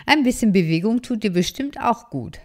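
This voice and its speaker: A woman's voice: fairly high pitch, lively intonation, normal speed, voice pushed up. Woman voicing a friendly beach turtle. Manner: friendly, encouraging. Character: friendly cheerful female turtle, dance teacher.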